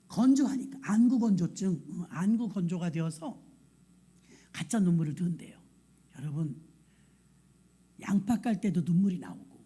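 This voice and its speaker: Dark-voiced woman pastor preaching. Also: medium pitch, breathy edge. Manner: conversational preaching with acted quotes and laughs. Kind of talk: sermon. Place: church sanctuary.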